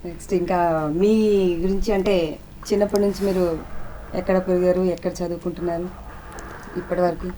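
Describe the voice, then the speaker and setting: A woman's voice: fairly low pitch, flat delivery, fairly quick, pauses often, mellow, slight background noise, poor audio. A woman hosting a TV interview, asking cheerful, encouraging questions. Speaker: host, anchor.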